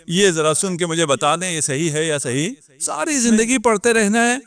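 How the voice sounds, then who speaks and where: A man's voice: sits high, fairly bright tone. A man, a cleric giving a sermon at a religious gathering and firing rhetorical questions at the audience. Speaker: Shia cleric.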